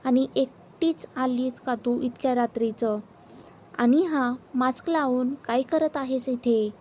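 A woman's voice: high-pitched, fairly even intonation, slow, slight background noise. A woman voicing a worried middle-aged mother who scolds her daughter in a storybook reading. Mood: scolding. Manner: sharp, scolding.

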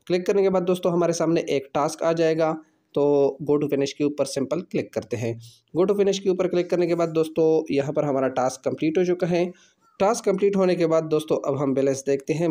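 Man, channel host, slightly high voice, step-by-step app walkthrough, voice-over. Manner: steady step-by-step narration with repeated fillers. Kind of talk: screen-recorded app walkthrough. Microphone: off-screen voice-over over phone screen recording.

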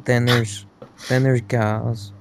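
Young man, gravelly voice, slangy chatter, faint noise behind. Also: medium pitch, flat delivery, takes it slowly. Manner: laughs a lot, slangy. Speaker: friend co-commentator. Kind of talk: casual chat.

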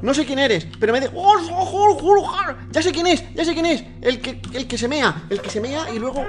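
A man with a Spain Spanish accent doing excitable horror game let's play commentary at a desk mic, swearing and shrieking when startled. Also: extremely high pitch, brisk. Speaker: gaming YouTuber. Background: game music and keyboard typing.

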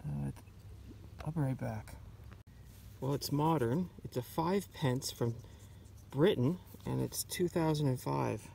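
A man from Canada narrating his metal-detecting finds in a forest, in an unhurried, muttering way, recorded outdoors on a camera mic. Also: medium pitch, vocal fry, warm tone, a little hiss or hum. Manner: muttering, unhurried, talking to himself. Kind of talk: casual outdoor commentary.

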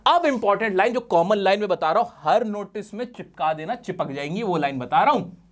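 A man's voice: sits high, lively intonation, a little fast. A male teacher giving a live exam revision class, talking in a chatty, teasing way and mixing in English terms.

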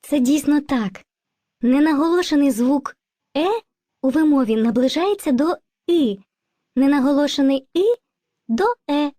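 Kids' cartoon: a patient female language spirit, voiced by a woman, high and soft, dry studio sound. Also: unhurried, long pauses, no room sound. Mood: gentle. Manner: gentle, coaxing, calls children endearments. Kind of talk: educational cartoon video.

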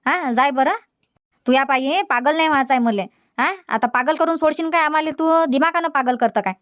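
A woman's voice: high voice, a little fast, fairly bright tone. A woman voicing a bitter, stubborn elderly village mother in a cartoon comedy, scolding and dismissive. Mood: sarcastic.

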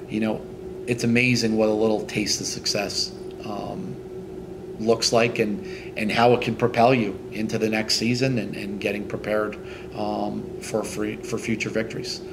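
A middle-aged man speaks as head coach in a post-game interview, his voice low and staying on an even, level pitch. He stops and restarts often and fills gaps with ums. A clear steady noise sits under the recording. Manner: halting, many fillers and restarts. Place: indoors in front of a team logo backdrop.

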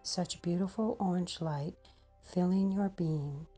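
Soft music plays in the background as a woman leads an unhurried meditation. Her fairly low, mellow voice is breathy and husky, often close to a whisper, and she pauses after each brief phrase.

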